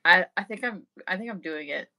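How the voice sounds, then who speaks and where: A young woman crocheting on a livestream, chatting in a hesitant, low-key way with short replies. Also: animated, fairly quick, bright, forceful tone. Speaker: knitting and crochet creator, guest co-host. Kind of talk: casual livestream chat while crocheting.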